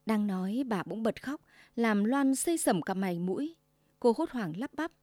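A woman narrating a sad folk tale in a slow, lyrical and emotive way. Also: on the high side, lively intonation, warm tone, dry recording, clean studio sound. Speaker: storyteller. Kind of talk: scripted story narration.

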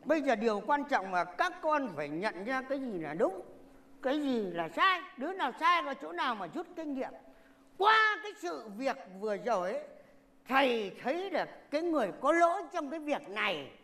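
A woman's voice: high voice, big pitch swings, fairly quick, fairly bright tone. A woman acting a bossy, tipsy old patriarch who scolds and lectures his family in a stage comedy sketch. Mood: lecturing.

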